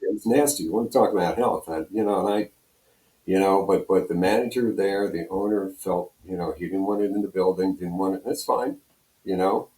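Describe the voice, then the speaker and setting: Warm and deep, this older man's voice runs a little fast as he spins rambling, casual anecdotes as an interview guest. He is a Pennsylvania radio program director and on-air personality, and the room sound is spacious and echoing.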